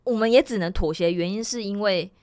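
A woman's voice: brisk, smooth. A woman in her late twenties or thirties with a Taiwanese Mandarin accent, telling a story in casual podcast chat and animatedly acting out the people in it. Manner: animated, acts out quoted people with big pitch jumps. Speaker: podcast co-host.

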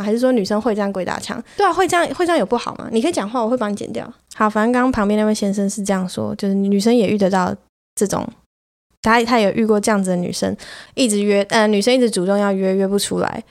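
A young woman with a Taiwanese Mandarin accent, hosting a casual storytelling podcast in a frank, chatty way. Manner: frank, chatty, breaks into laughter and excited high bursts. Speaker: podcast host.

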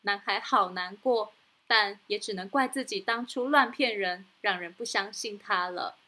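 A woman with a Taiwanese Mandarin accent hosting a children's story show, narrating in a gentle, sing-song way to young listeners. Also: mid-range voice, moderate pace. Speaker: storytelling host.

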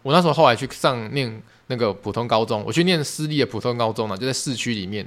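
A young man with a Taiwanese Mandarin accent, hosting a podcast and telling a personal story in a fast, animated, emotional way. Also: mid-range voice. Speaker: podcast host.

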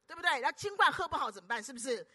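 A middle-aged woman preacher, delivering an animated sermon full of rhetorical questions to the congregation. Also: sits high, rapid-fire. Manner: animated, keeps asking the audience rhetorical questions; acts out anxious inner voices and conversations.

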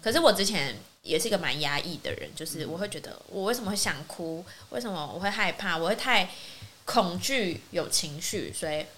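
Fast-talking woman telling a story. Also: lowish voice. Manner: lively storytelling, acts out quoted friends. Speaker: podcast co-host. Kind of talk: casual chat. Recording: faint hiss.

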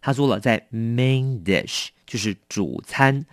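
A man's voice: medium pitch, slow pace, no echo, clean studio sound. A man teaching English vocabulary in a chatty, explanatory way, asking rhetorical questions. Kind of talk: vocabulary lesson explained in Mandarin.

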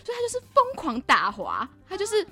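Lively young woman telling a story. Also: very high voice, a little fast, soft background music. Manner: animated, laughing often, acts out quoted lines. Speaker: podcast co-host. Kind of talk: casual storytelling chat.

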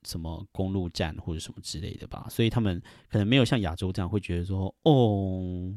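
A middle-aged man rambles through a casual solo podcast with plenty of fillers and little chuckles. His voice sits very low. The sound is dry and close, with no room around it. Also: fast, darkish tone, no room sound. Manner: rambling, chuckling, with many fillers and mimicked quotes. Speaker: podcast host.

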